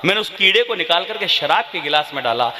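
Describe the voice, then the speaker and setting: A man's voice: high-pitched, expressive, fast talker, pushed and bright. A man performing live satirical stand-up as a comic poet, telling jokes to an audience. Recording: echoey hall with background noise.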